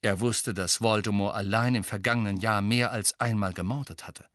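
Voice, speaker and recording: A man narrating an audiobook with an expressive, lively reading. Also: on the low side, normal speed, no room sound, clean studio sound.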